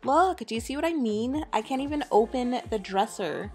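A woman's voice: a little high, expressive, normal speed, over music. A woman in her thirties, a mother, chatting casually to her viewers in a home voice-over. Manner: chatty, upbeat, talks straight to viewers. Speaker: vlogger, mother.

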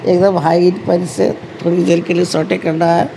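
A woman's voice: lowish voice, steady tone, moderate pace, vocal fry, background noise. A woman hosting a home cooking tutorial, talking chattily to her viewers, calling them friends and often correcting herself. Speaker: cooking channel host. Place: home kitchen.

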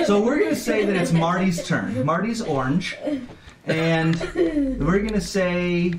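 A man explaining the rules of a board game to players at a table in a casual, chatty way, laughing often. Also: high voice. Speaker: game teacher. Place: room around a table game. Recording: echoey room from a distance, faint noise.

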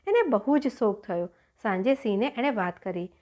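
A woman narrating a children's folk tale in an expressive, storytelling manner. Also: mid-range voice, normal speed. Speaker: audiobook narrator.

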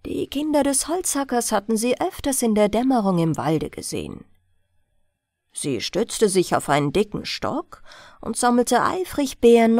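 Reading a bedtime fairy tale as a scripted audiobook, a woman speaks slowly and very melodically, with a faint creaky edge and deliberate, expressive storytelling. Her voice is medium-pitched with a darkish tone, recorded in studio quality with no room sound.

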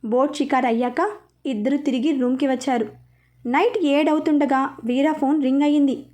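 High-voiced woman reading a romance story. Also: steady tone, normal speed, mellow. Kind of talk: storytelling narration.

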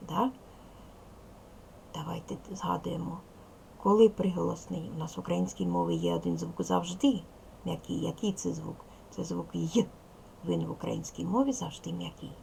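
A woman's voice: fairly low pitch, wildly swooping pitch, normal speed, gravelly, warm tone, a little hiss or hum. A woman teaching a primary school language lesson with a Ukrainian accent, patiently prompting young pupils with repeated questions. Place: classroom.

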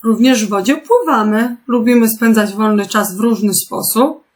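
A woman teaching a remote lesson to young pupils, patient and clear, asking them gentle questions. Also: a little high. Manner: slow, patient, clearly articulated instructions. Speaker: primary school teacher.

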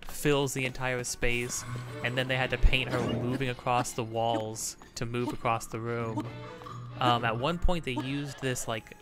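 A man's voice: medium pitch, flat delivery, a little slow, over music. A man hosting a let's play, chatting casually while he plays, rambling with many fillers and restarts. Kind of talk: casual gameplay commentary.

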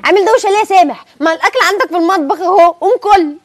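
Egyptian actress, very high voice, quick complaining delivery. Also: female voice. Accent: Egyptian Arabic. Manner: whiny, complaining dieter. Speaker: wife in comedy sketch.

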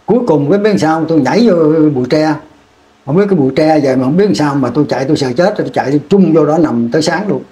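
A man's voice: a little high, lively intonation, very fast, warm tone. A man, recalling his war years in an interview, rambling and repeating words as he restarts sentences. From Vietnam. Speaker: veteran interviewee. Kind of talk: oral history war recollection.

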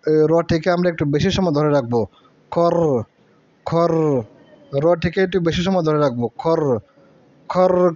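Male primary teacher, Assamese accent, very slow and drilling, slightly high voice, dry and dull lo-fi recording. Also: darkish tone, no echo. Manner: repeats words slowly and drills pronunciation. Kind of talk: slow spoken lesson for children.

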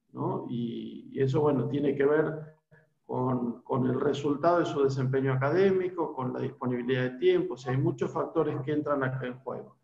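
On a video call from a small room at home, an Argentine-accented university lecturer in his forties chats informally with prospective students, halting with frequent fillers and restarts. His voice runs on the high side with vocal fry. The laptop webcam audio is echoey and dull, lo-fi.

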